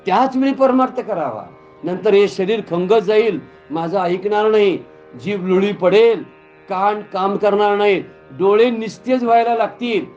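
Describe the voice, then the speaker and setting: A man preaching a devotional story sermon in a temple, animated and full of rhetorical questions. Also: sits high, lo-fi sound. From Kolhapur, Maharashtra. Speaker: Bhagavat katha preacher. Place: temple gathering.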